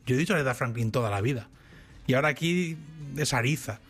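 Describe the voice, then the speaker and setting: Talking fast in a mid-range voice over soft background music, a man from Spain co-hosts a podcast. The casual chat finds him telling rambling, animated stories full of restarts.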